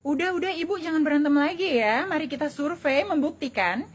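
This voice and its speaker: A woman's voice: sits high, a little fast. A woman performing a comedy sketch, switching between exaggerated bickering characters. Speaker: comedic sketch creator playing many characters.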